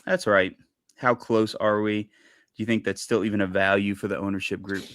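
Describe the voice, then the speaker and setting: Low-voiced chatty man on a podcast. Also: fairly even intonation, fairly quick, a bit bright, no echo, studio quality. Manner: chatty, rambling with fillers. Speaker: podcast co-host. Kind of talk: casual chat.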